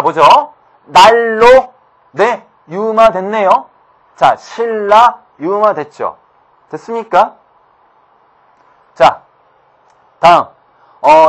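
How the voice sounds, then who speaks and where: High-voiced man lecturing briskly. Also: fairly bright tone. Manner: brisk, asks students rhetorical questions. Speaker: teacher. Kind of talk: online grammar lecture.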